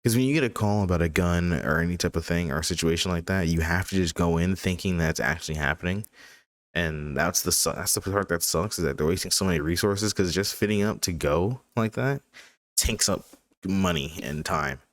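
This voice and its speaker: Deep, dry-voiced man reacting casually. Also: brisk, no room sound. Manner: rambling, swears freely. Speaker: streamer reacting to a video.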